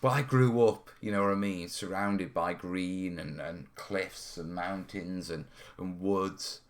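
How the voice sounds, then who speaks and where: This North Wales man has a deep voice and speaks slowly as he hosts a live terrain-modelling stream from a studio. He chats casually and rambles while answering questions, habitually checking in with "yeah" and "you know."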